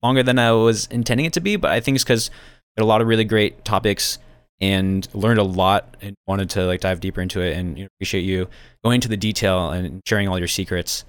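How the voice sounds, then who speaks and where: A man hosting a podcast, speaking in a relaxed, halting way with many fillers. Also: on the low side, clean tone, dry recording, clean studio sound. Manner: relaxed, hesitant, lots of fillers. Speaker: podcast host. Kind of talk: casual podcast interview.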